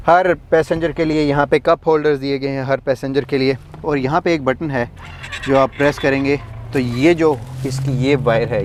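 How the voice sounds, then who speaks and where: A man with a fairly high voice gives a casual car review from inside a large vehicle, demonstrating features as he explains them. His talk is packed with fillers, and background noise can be heard.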